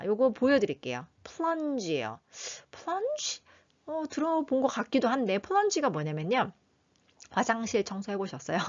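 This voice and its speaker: A Korean woman teaches English vocabulary in an animated, sing-song voice, often checking in with short questions. The recording sounds a little muffled and lo-fi. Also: medium pitch. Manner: lively, explains with memory tricks and quick questions. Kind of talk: vocabulary lesson. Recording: dull lo-fi sound.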